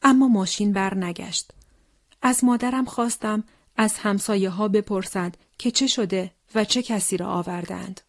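A woman reading a wartime testimony as scripted narration, solemn and slow, often sinking into a hushed whisper. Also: medium pitch, dry recording, clean studio sound.

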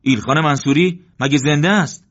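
Brief: male narrator doing a wry, stubborn wounded commander, louder and higher than his reading voice, on a muffled lo-fi recording. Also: steady tone, natural voice. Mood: urgent. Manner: raised, emphatic voice.

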